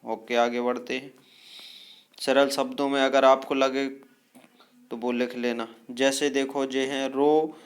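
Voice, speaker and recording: Slow-talking male grammar teacher. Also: medium pitch. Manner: slow, explanatory, repeats phrases and checks understanding. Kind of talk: Hindi grammar lesson, explaining from a text.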